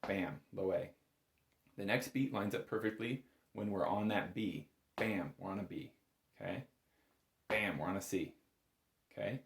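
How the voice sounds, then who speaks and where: A man with a low voice teaches bagpipes informally, speaking at a measured pace and pausing often. He hedges, corrects himself frequently, and emphasizes key words. His lesson echoes around a roomy space.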